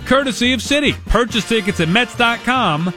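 High, bright male radio contest promo voice. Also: expressive, moderate pace, soft background music. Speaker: sports radio host.

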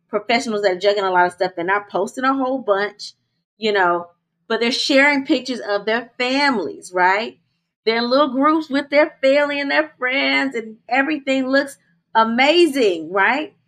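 A woman's voice: high-pitched, a bit bright. A woman co-hosting a podcast, talking chattily with listeners and calling them y'all. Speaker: podcast co-host. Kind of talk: casual podcast chat.

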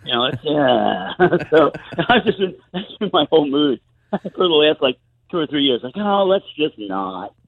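Over a thin, muffled phone connection that later switches to speakerphone, a guest musician chats from home with gloomy, self-mocking wit in a casual interview. His voice is on the high side and gravelly, very animated, at an ordinary speed.

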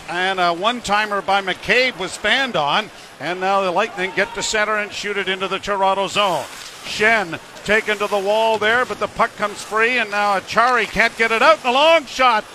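A man calling live hockey in a rapid running play-by-play as a broadcast commentator. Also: sits high, pushed and bright, a little hiss or hum. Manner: rapid running call of the action.

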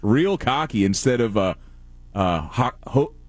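A man's voice: medium pitch, animated, measured pace, dry recording. Laughing, joking sports radio co-host man. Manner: laughing, joking, trailing off mid-sentence. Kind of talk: casual sports chat.

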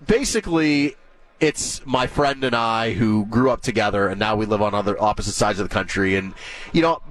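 A man's voice: fairly low pitch, fairly quick, a bit bright, rough recording. A man chatting casually and self-deprecatingly as a guest in a radio interview. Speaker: guest, podcaster and former radio broadcaster.

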